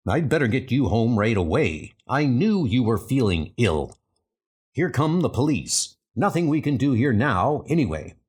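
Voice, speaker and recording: A man's voice: mid-range voice, big pitch swings, normal speed, husky. Earnest, stern Ant-Man hero acted by a man. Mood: determined. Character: earnest, stern male scientist superhero. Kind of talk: comic-book dub acting. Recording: loud music under the voice.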